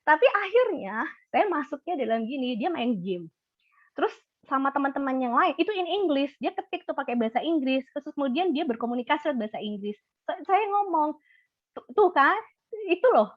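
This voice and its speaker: A woman's voice: high voice, no echo. A woman doctor with a Javanese accent, explaining parenting in a casual, chatty way with many fillers and restarts. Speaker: doctor and guest speaker. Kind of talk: casual webinar talk. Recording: dry, slightly muffled call audio.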